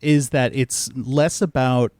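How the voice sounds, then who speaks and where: A man's voice: medium pitch, steady tone, takes it slowly, a little mellow, no echo, clean studio sound. A man co-hosting a casual movie podcast, speaking earnestly and thinking aloud with fillers. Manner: thoughtful, earnest, works through points with fillers. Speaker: podcast co-host.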